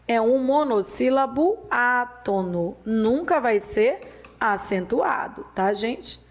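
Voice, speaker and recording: A woman teaching a grammar lesson, repeating rules slowly and drilling them aloud. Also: a little high. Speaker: Portuguese teacher.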